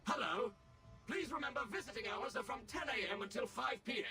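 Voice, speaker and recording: An actor playing an overly polite male service robot in a video game, with a smooth, synthetic android voice and a servile, courteous manner. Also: extremely high pitch, expressive, brisk, music in the background. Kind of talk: video game character dialogue.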